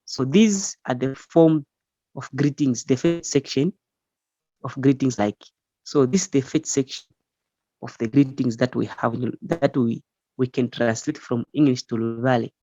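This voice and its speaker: A man's voice: mid-range voice, a little slow, dark tone, no room sound, dull audio. Patient male language teacher on a call. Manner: patient, explains step by step with repeated examples. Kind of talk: online language lesson. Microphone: online call.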